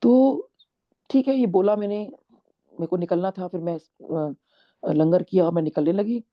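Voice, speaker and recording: A woman's voice: fairly low pitch, moderate pace. A middle-aged woman telling a devotional testimony to a congregation in an earnest, storytelling way, slipping English words into her speech. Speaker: satsang speaker sharing a testimony. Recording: dull lo-fi recording.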